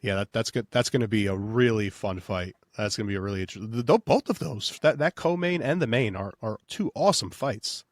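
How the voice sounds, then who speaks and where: A man's voice: on the low side, brisk, hardly any pauses, dry recording, clean studio sound. A man co-hosting a sports betting podcast in loose, casual chat full of fillers. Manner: loose, filler-heavy, says "baby". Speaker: podcast co-host.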